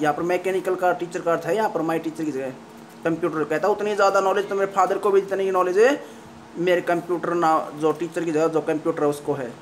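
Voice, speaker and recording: A man gives a lesson on a story, reading each English line slowly before explaining it in Hindi. His voice sits high and stays fairly level. He restarts his sentences often as he works through the meaning. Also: a little hiss or hum. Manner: reads English lines slowly, then explains them in Hindi with frequent restarts. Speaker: English teacher.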